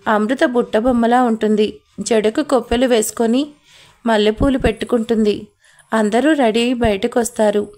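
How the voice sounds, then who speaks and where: Woman storyteller, plain even narration, slightly high voice, family tale read aloud. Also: moderate pace. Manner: plain even narration, reads all parts herself.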